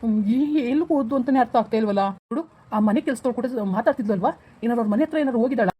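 A woman playing a brisk scolding husband. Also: on the high side, dark tone, breathy edge. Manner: brisk, scolding, mixes in English. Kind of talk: family drama skit.

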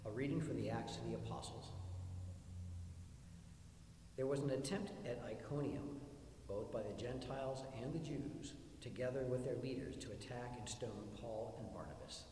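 Man, priest, solemn measured recitation, mellow tone, roomy distant church sound. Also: medium pitch, a little hiss or hum. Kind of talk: liturgical reading and prayer at Mass.

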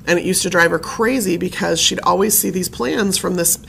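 A woman's voice: lowish voice, brisk, creaky, a bit bright, a little hiss or hum. A woman giving a conversational presentation on family history, chatty and personal, with frequent fillers.

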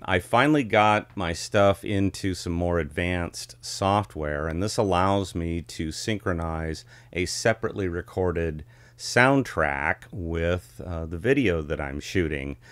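A middle-aged man chatting casually as a vlog host, with the warm, rich sound of a vintage ribbon mic in a home studio. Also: deep voice, measured pace, no room sound. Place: small home studio with curtain backdrop. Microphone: studio ribbon microphone close in front.

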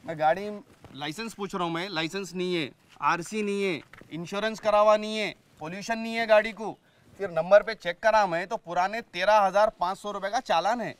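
A man's voice: high-pitched, fairly quick, clear, resonant tone. A man with a Hyderabadi accent playing a stern traffic policeman in a comedy sketch, lecturing about helmets and rules.

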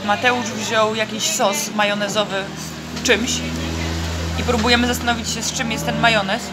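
A young woman chatting through a casual travel vlog, laughing often and filling pauses with hesitations, filmed on a handheld phone. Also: on the high side, steady tone. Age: young adult. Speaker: vlogger. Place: outdoors and in a snack bar, city and seaside. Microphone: handheld phone camera. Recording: loud street noise behind.

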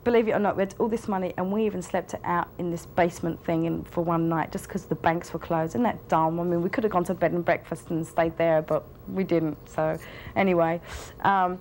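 This young woman's voice is on the low side and a little mellow, with a bit of hiss or hum in the audio. Facing the camera in an indoor studio with a plain wall, she rambles through a personal story, full of fillers and restarts.

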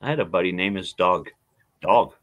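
A middle-aged man chatting casually, telling animated stories and acting out quotes. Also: deep voice, normal speed. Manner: storytelling, animated, acts out quotes. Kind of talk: casual chat.

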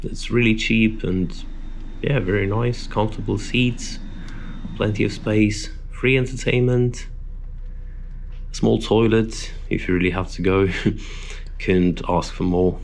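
A man in his thirties filming a casual travel vlog, chatty and relaxed, with self-deprecating asides, recorded on a handheld camera mic. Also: lowish voice, slow, gravelly, pauses often, slight background noise. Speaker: travel vlogger. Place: indoors in a hostel, then outdoors in snowy streets and on a bus.

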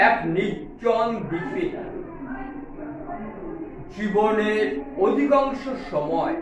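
A man teaching English in Bengali, with a Bengali accent, speaking slowly and deliberately and spelling words out letter by letter. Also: high-pitched. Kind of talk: classroom lesson explaining an English text in Bengali. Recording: very echoey room, voice far from the mic, crowd noise.

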